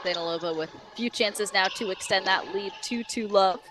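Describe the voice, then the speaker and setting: A woman commentates a tennis match live, speaking in a calm, analytical way as she describes each player's style. Her voice sits at an ordinary middle pitch. A faint hiss runs underneath the broadcast. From New England. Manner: measured, analytical play-by-play.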